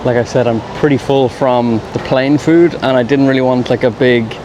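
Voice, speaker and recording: A man's voice: medium pitch, steady tone, moderate pace, background noise. A man giving casual travel vlog commentary, with understated, slangy, rambling asides. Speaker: travel vlogger. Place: walking around an airport terminal.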